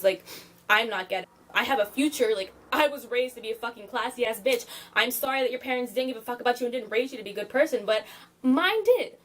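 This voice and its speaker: A woman's voice: fairly high pitch, fairly bright tone, rough recording. A young woman telling a storytime vlog in a blunt, profane, emphatic way, full of "like.". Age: young adult. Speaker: college student vlogger.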